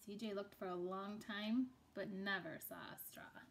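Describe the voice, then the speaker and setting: Woman, thirties, middle-pitched, children's storytelling, reading aloud. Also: steady tone, a little slow, a little hiss or hum. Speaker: picture book reader. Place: small room indoors.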